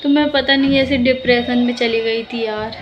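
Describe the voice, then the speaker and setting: A woman's voice: fairly high pitch, fairly even intonation, moderate pace, highs cut off, a little hiss or hum. A young pregnant woman vlogging casually at home, rambling with many fillers while lying down and sounding tired. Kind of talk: casual vlog chat.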